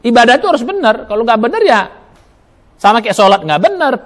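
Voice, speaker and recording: A male preacher gives a Ramadan sermon in a mosque, his voice pitched high and leaping up and down as he stresses each point. He spells out Arabic letters one by one and asks his listeners questions that he then answers himself. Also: very animated, fast, fairly bright tone. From Indonesia.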